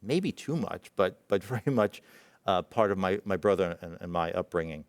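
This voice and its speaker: A middle-aged man from Israel speaks in a low, smooth and resonant voice. He tells a personal story haltingly and reflectively, with many fillers and restarts. The sound is dry and close, with no room echo. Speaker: presenting physician.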